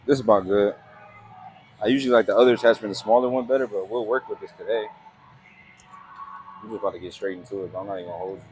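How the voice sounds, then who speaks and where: A man's voice: on the low side, fairly even intonation, racing, pauses often, darkish tone, poor audio. A man talking casually in a slangy, profane gym-bro manner, as in a workout vlog. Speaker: fitness vlogger. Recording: music playing behind the voice. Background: music.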